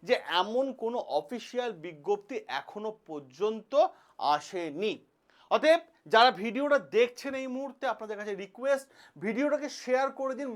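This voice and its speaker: A woman hosting a news explainer video. She explains step by step, posing questions and answering them for her viewers. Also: fairly high pitch. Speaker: channel host.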